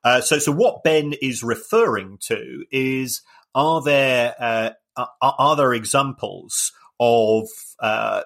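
A man co-hosting a podcast, explaining football finance in a measured way with many fillers and restarts. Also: medium pitch, vocal fry, a bit bright. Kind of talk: casual podcast chat.

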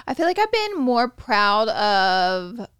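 A woman's voice: on the high side, very animated, takes it slowly, fairly bright tone, clear, resonant tone, no room sound, clean studio sound. A young woman co-hosting a podcast in casual, conversational chat. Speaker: podcast co-host; brand owner.

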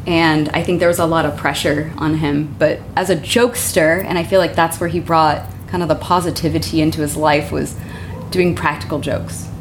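A woman's voice: low-pitched, steady tone, moderate pace, noisy background. A woman, the tenant of the house, telling a personal story in a rambling, earnest way with many restarts. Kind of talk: casual interview storytelling.

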